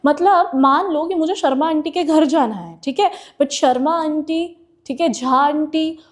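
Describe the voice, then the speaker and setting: A woman teaching biology in a relaxed lecture style, using everyday examples, often saying "theek hai" and calling students "beta", with an Indian English accent in her English terms. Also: high voice, measured pace. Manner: explains with homely examples, calls students "beta". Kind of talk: classroom lecture.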